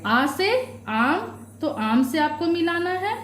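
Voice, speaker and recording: A woman's voice: very high voice, expressive, slow pace, a bit bright, roomy sound. A woman teaching young children from a workbook, patient, asking questions and answering them herself. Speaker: primary school teacher.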